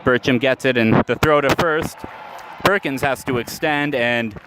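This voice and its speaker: Heavy background noise surrounds a male radio announcer doing live baseball play-by-play at an outdoor ballpark, calling the action in clipped phrases as it happens. His mid-range voice keeps a measured pace.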